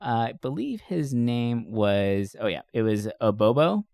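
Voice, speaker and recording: Chatting enthusiastically and informally on a podcast, a male co-host gives a casual, slang-filled movie review. His mid-range voice carries lively intonation, a measured pace, vocal fry, and a darkish tone, in a dry, clean studio recording.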